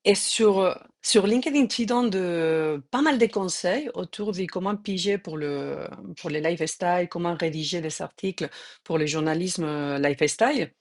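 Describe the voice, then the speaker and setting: A middle-aged Spanish woman with a Spanish accent, a journalist, hosts a live-streamed interview hesitantly, with many fillers and restarts. Her voice is on the low side, at normal speed.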